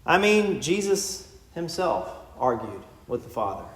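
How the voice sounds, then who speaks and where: A man preaching a sermon as pastor, conversational, acting out quoted prayers in lively voices and dropping quietly for emphasis. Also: fairly high pitch, measured pace, roomy sound. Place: church sanctuary.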